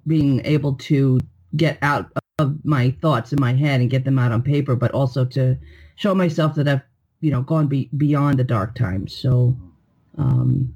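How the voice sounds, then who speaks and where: A woman's voice: low voice, dark tone, slightly rough. A woman from New York, a poet, answering interview questions in a reflective, friendly way. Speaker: poet and author, guest.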